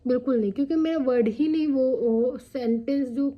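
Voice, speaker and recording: A young woman with a high-sitting voice vlogs at a normal speed, and the audio sounds dull. Her manner is chatty and candid, and she regularly checks in with viewers by tagging lines with "theek hai" and "hai na".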